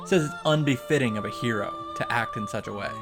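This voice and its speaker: A male video host with a mid-range voice speaks quickly over music, delivering a sarcastic and profane recap of a visual novel while reading lines from it aloud.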